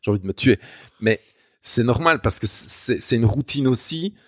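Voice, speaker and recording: A man's voice: medium pitch, lively intonation, moderate pace, dry recording, studio quality. A man with a Belgian accent from Namur, a university teacher chatting casually and mocking himself, with many restarts. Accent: Namur Belgian French. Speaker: university Spanish teacher, guest. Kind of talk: casual podcast chat.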